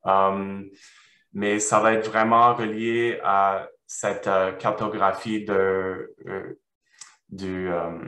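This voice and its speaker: A man with a foreign accent, a non-native French speaker, presenting research and answering questions haltingly as he searches for words. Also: low voice, fairly bright tone. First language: not French. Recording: roomy, echoing sound.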